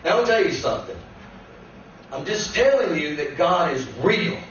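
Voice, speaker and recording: A man preaching as a guest pastor. He tells a personal testimony that builds into shouted preaching. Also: fairly high pitch, expressive, normal speed, slight background noise. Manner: storytelling that climbs into shouted preaching. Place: church sanctuary. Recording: echoey church room, distant dull mic.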